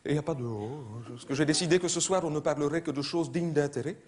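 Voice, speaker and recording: A man doing live stand-up comedy, mocking and conversational, now and then shouting in put-on voices. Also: on the high side, quick pace. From Belgium. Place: theater stage before a live audience. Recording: live show recording with crowd noise. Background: audience laughter and applause.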